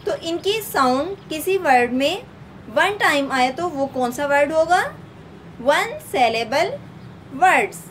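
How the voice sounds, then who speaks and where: A woman's voice: high-pitched, lively intonation, fairly bright tone, slight background noise. A woman with a Pakistani accent teaching a kindergarten English lesson, spelling out each word letter by letter and repeating it. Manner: slow, spells words letter by letter and repeats them. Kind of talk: recorded classroom lesson.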